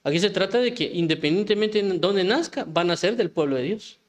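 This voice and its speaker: Man preaching, fairly high voice. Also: lively intonation, fairly quick. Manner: conversational, many restarts and rhetorical questions. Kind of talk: informal sermon teaching.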